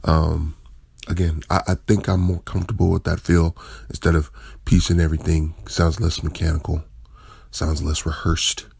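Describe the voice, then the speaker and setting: A man's voice: sits low, little pitch movement, moderate pace, vocal fry, a little mellow, breathy edge, dry recording, studio quality. A man hosting a casual solo podcast, sounding groggy and unwell, rambling informally and correcting himself as he goes. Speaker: podcast host.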